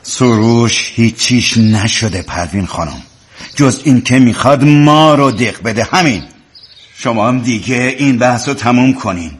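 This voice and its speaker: A man's voice: mid-range voice, lightly acted. An actor playing a stern, irritable middle-aged father who brushes off his family. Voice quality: gruff, dismissive. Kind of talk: family drama acting.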